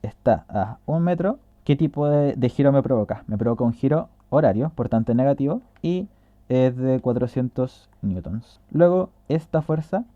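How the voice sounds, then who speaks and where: A man's voice: medium pitch, lively intonation, moderate pace, dry recording, narrow, tinny audio. A man explaining a tutorial in a casual way, walking through a drawing step by step and correcting himself as he goes.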